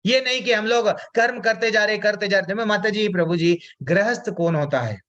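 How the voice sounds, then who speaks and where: A Gita study class teacher leads a devotional scripture class, asking his listeners questions and answering them himself, chanting Sanskrit verses and explaining them, and mixing English words into his Hindi. His high-pitched voice is fairly bright and moderately paced. The recording has its highs cut off.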